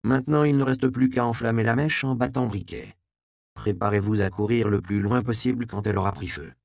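A man voicing a grave, curt apothecary master who explains his work calmly. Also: medium pitch, a little fast, gravelly, no room sound, studio quality, close to an everyday voice. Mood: cautionary.

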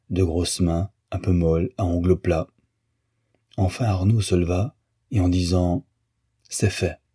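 A man reading a literary novel aloud as an audiobook narrator, in a measured, even way. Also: deep voice, slightly rough.

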